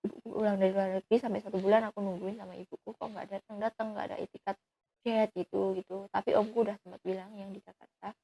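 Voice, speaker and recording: A woman's voice: medium pitch, level tone, quick pace, vocal fry, mellow, slightly rough, rough recording. A young woman, telling her own story as a guest in an earnest, pleading way that often trails off into fillers. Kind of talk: emotional personal account.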